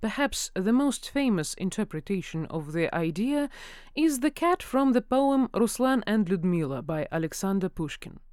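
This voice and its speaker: Casting: female podcast host, calm and informative, dry close recording. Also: medium pitch, moderate pace, smooth, no room sound. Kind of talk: scripted podcast narration.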